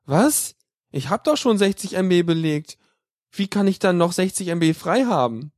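A man's voice: sits high, big pitch swings, moderate pace, darkish tone, no room sound, clean studio sound. A man reading aloud and voicing a whiny, nervous male computer user who pleads and complains. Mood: pleading. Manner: plaintive, pleading. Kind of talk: audiobook reading.

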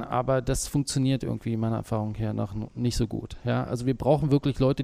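A native German-speaking man, a small business owner, is the guest in a conversational interview, talking through his work hesitantly with lots of fillers. His medium-pitched voice is mellow, with vocal fry.

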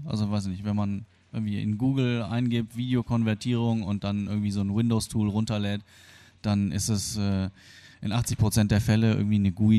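Born in Argentina and raised in Germany, a free software developer answers interview questions on the spot. His voice sits lowish and sounds mellow on a dry recording, and he explains things colloquially and hesitantly.

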